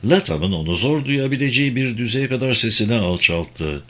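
A man narrating a thriller audiobook in a steady, measured reading. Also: mid-range voice.

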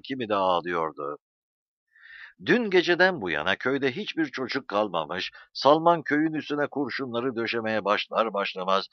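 A man narrating an audiobook with a dramatic, expressive reading, with a dull, lo-fi sound. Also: medium pitch, no echo.

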